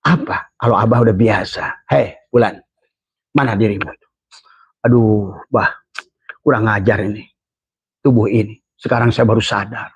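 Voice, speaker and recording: Man, preacher, sufi sermon, chants verses slowly, dry close recording. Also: fairly even intonation, slightly rough, no room sound, lo-fi sound. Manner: rises to high emphatic peaks, chants Quranic verses slowly.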